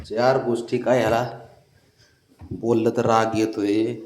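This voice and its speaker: A man's voice: lowish voice, little pitch movement, a little slow, darkish tone. A man talking to his sulking cat in coaxing, singsong baby talk. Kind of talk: casual talk to a pet.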